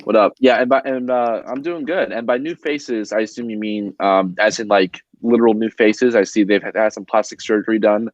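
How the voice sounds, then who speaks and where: A man joining as co-commentator on a trivia show, making deadpan jokes over dull lo-fi call audio. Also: lowish voice, brisk, hardly any pauses, no echo. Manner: deadpan joking. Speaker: guest co-commentator. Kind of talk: casual online show banter.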